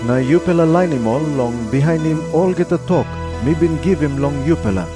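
A man's voice: a little high, fairly quick, natural voice. Man acting Jesus, commanding, in Papua New Guinea pidgin. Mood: solemn, commanding. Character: Jesus, calm commanding male holy teacher. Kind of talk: dramatized scripture reading. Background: music behind the voice.

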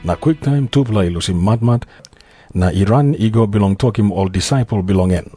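A man with a lowish voice and a Papua New Guinean accent narrates scripture in Papua New Guinea pidgin. It is a scripted Bible reading, with music clearly playing behind him. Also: fairly quick, mellow, no room sound.

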